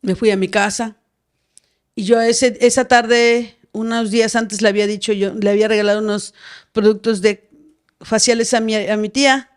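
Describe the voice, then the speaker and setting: Woman, 40s, interview guest; measured personal storytelling with frequent restarts. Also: mid-range voice, steady tone, clean tone. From Veracruz, Mexico. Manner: measured, recounts with many restarts and reported speech. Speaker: guest, nurse.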